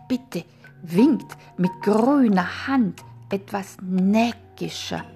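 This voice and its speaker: A woman's voice: medium pitch, expressive, very slow, mellow, soft background music. A woman voicing a pompous male frog conductor who gives fussy orders to his orchestra, for a storybook fable. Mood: instructing.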